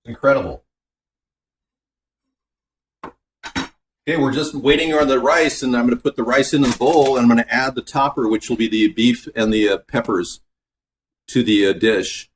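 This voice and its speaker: A man hosting a casual home cooking video in his kitchen, chatting in a relaxed, rambling way that drifts off topic. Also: mid-range voice, moderate pace, pauses often, a little hiss or hum. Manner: relaxed, filler-heavy talk. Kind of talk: casual cooking vlog chat.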